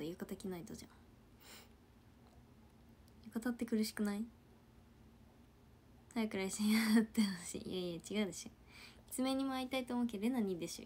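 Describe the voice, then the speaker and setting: A woman chatting casually on a livestream, talking back to viewer comments and dropping into soft murmured asides. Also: mid-range voice, normal speed, long pauses, slight background noise. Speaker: idol trainee livestreamer.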